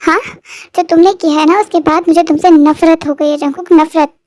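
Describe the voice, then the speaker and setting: A very high-voiced reader playing a hurt young woman who bitterly rejects an apology. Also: flat delivery, normal speed, a little mellow.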